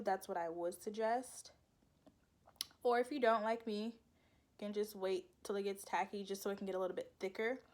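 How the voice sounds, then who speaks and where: A young woman, chatting casually through a makeup tutorial, rambling and laughing at her own slips. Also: medium pitch. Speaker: beauty vlogger.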